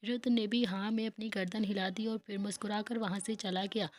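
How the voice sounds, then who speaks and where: A woman reading aloud a serialized family story in a steady storytelling manner. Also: mid-range voice, brisk. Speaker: narrator.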